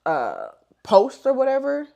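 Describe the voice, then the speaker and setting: A woman hosting a livestream in casual chat, an animated storyteller who laughs a lot. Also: sits high, a little slow, creaky. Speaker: livestream host.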